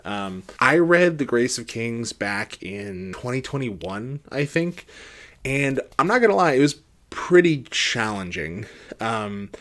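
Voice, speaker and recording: A man's voice: medium pitch, very animated, takes it slowly, a bit bright. A man giving a casual, rambling book review, conversational and hedging, often trailing off at the ends of phrases.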